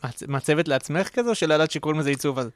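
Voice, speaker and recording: A man hosting a casual radio-studio podcast interview, eager and excitable, with rambling questions. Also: a little high, no echo. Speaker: podcast host.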